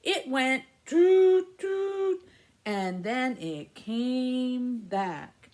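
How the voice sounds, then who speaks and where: Leading babies through stories, rhymes and songs at the library, a woman in her fifties talks and chants in an exaggerated sing-song fashion. Her voice sits high and is animated and a little mellow, and she speaks very slowly. The small indoor room has an alphabet backdrop and faint background noise.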